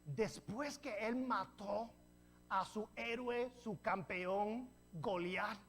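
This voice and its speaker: Animated preaching pastor, a man. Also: high voice, drawn-out words, slight background noise. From New Jersey, USA. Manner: animated storytelling with rhetorical questions to the congregation; jokes with the congregation. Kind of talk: sermon.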